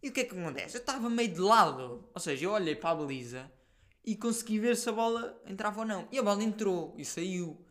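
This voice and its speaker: A young man with a European Portuguese accent, hosting a casual solo podcast and telling stories in an animated, slangy way full of fillers and the odd swear word. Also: high voice, fast talker. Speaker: podcast host.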